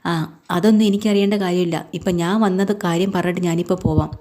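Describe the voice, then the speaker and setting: A woman voicing a blunt, angry working-class man who speaks gruffly and curtly in a mellow, low voice. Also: steady tone, quick pace, close to an everyday voice. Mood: curt, irritated. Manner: gruff and curt.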